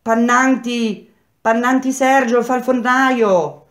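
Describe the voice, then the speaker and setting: A woman voicing a desperate young wife loudly calling up to the prison bars. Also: a little high, fairly even intonation, slow, pitched above the performer's own voice. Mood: desperate shouting. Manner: loud calling, straining.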